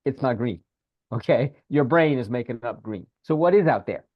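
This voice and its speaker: A man co-hosting a casual podcast, talking in an animated, repetitive way and coaching a listener through a guided breathing exercise over a video call. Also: medium pitch, moderate pace, dry recording, lo-fi sound. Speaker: podcast co-host, spiritual teacher.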